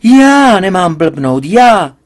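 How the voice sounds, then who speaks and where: A hot-tempered middle-aged father bellows and blusters, his voice jumping high and loud with indignation, as a male reader acts him out. He sounds overprotective and fuming, straight from a storybook reading. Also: huge pitch swings, breathy edge, heavily acted. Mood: furious.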